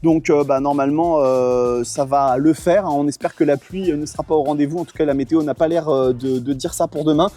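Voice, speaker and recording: A man's voice: fairly high pitch, fairly even intonation, a little fast, hardly any pauses, mellow. A young man hosting a casual motorcycle travel vlog, chatty and full of fillers. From Portugal. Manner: chatty, lots of fillers and thanks to sponsors. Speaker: motorcycle vlogger.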